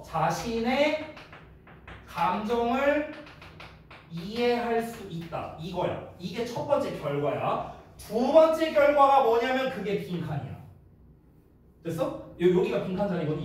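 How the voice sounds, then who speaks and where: A man's voice: high-pitched, a little hiss or hum. A man in his thirties teaching an exam-prep English lecture, casual and teasing, often checking in with his students. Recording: echoey room, mic at a distance.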